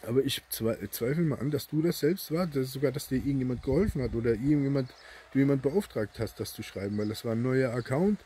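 A man delivering a rambling, emphatic monologue straight to his viewers, tagging his sentences with quick questions. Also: medium pitch, mellow, a little hiss or hum. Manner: emphatic, rambling, constant "ja?" tags. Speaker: online commentator.

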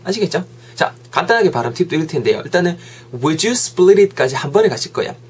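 A man giving a casual English lesson, drawing out the example sentences slowly and checking in with listeners often. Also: fairly high pitch, slightly rough. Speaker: English teacher.

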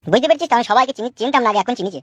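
A woman's voice: on the high side, animated, rapid-fire, slightly rough, dry recording. A woman playing a crude, swearing village man, in a comedy skit. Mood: bantering. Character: crude swaggering village man, brother-in-law.

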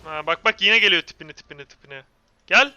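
An excitable young man gives live commentary over his game, swinging between mock curses and exasperated rants at opponents. His voice sits high for a man and comes across bright and piercing. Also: fast talker, clean tone. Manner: excitable, taunting and ranting at opponents. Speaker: game streamer.

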